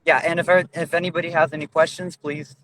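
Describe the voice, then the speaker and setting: A man calls in from his car to hand over to the next speaker, and loud car noise runs under his voice. He talks haltingly over the video call, with short pauses between phrases. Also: a little high, level tone. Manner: hesitant, halting. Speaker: event organizer introducing speaker. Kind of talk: brief introduction.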